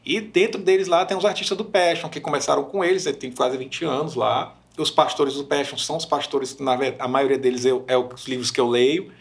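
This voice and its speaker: A young Brazilian man, a worship minister, chatting on a podcast and telling stories with lively, emotional retellings. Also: mid-range voice, brisk, creaky, few pauses. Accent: Brazilian Portuguese. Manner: animated storyteller, acts out quoted voices. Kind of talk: casual podcast chat.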